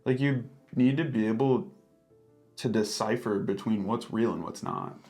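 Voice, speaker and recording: A man's voice: lowish voice, a little slow, a little mellow, faint music behind. A man co-hosting a casual book discussion, sounding exasperated and opinionated, peppering his talk with "like". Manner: exasperated, frequent filler "like".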